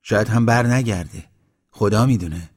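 A man doing a loud blunt old villager. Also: lowish voice, close to an everyday voice. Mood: calling, blunt. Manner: loud, calling out, plain rural speech.

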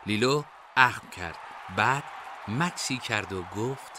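A man narrating a scripted storybook in an expressive reading style. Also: fairly low pitch, a little hiss or hum.

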